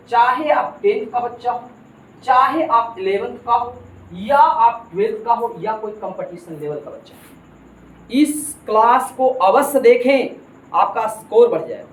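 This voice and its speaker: A man's voice: high-pitched, a bit bright. A man teaching a grammar lesson, emphatic and repetitive, constantly addressing his students as kids. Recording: echoey room with faint ambient noise.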